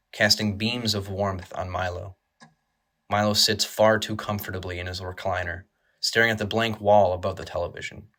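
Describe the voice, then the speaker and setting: Narrating a horror audio drama, a man tells the story in a dramatic, measured way. His voice is lowish, carrying a bright, tense edge.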